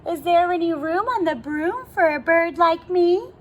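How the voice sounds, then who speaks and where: A woman's voice: very high voice, expressive, unhurried, voice pushed up. A woman voicing a small, polite green bird that politely asks to join. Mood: polite, eager. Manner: polite and eager.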